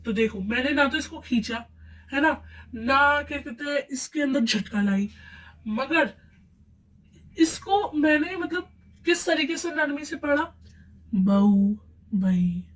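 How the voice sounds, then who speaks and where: A woman teaching a beginners' reading lesson, spelling out syllables slowly and patiently, asking questions and answering them herself. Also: high-pitched, expressive, distant mic, low-quality recording. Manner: patient and slow, drawing out each syllable, asks and answers her own questions.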